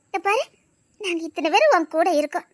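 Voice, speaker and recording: A woman's voice: very high voice, very animated, fairly quick, no room sound, studio quality. A woman acting in a family drama, speaking in an emotional, comforting way. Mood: consoling. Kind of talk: Tamil serial drama acting.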